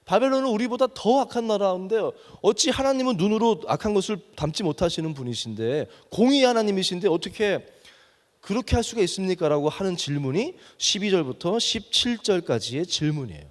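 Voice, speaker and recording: A man's voice: sits high, very animated, brisk. A male pastor preaching a sermon, acting out anguished prayers and questions to God. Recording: long hall reverb.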